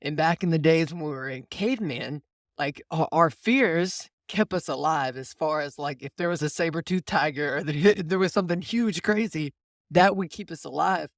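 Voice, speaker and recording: A man with a somewhat high voice hosts a casual coaching podcast as a mindset coach, explaining informally and rephrasing as he goes. His pace is moderate, and the studio-quality audio has no room sound.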